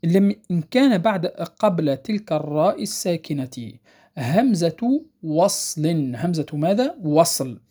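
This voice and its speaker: A woman teaching the rules of Quran recitation. She explains patiently, repeats key points, checks that students follow, and recites verses slowly and melodically. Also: fairly low pitch, expressive, warm tone, breathy edge. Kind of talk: tajweed lesson explaining rules.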